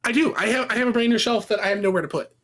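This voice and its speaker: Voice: medium pitch, racing, a bit bright. A podcast co-host trading wry jokes in casual chat. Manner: jokey, wry quips.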